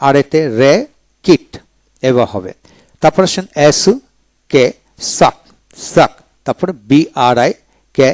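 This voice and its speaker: A man teaching English spelling in a video lecture, slowly spelling each word letter by letter and repeating it. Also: a little high, a little mellow, dry recording. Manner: slow and drilling, spells words letter by letter and repeats them.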